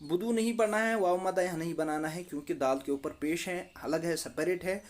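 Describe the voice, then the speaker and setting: Man slowly spelling out Quran tajweed. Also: fairly high pitch, slight background noise. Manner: spells letters and vowel marks slowly, then explains; asks and answers his own questions. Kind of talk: spelling-out recitation lesson.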